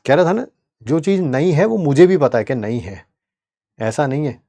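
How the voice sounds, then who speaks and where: Man teaching chemistry, slightly high voice. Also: lively intonation, moderate pace, mellow. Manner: conversational, mixes English terms, asks "है ना?" often. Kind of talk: lively classroom lecture.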